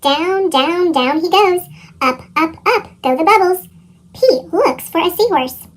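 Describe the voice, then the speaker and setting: A woman reads children's picture books aloud in an expressive, unhurried way. Her voice has been sped up with a chipmunk pitch effect.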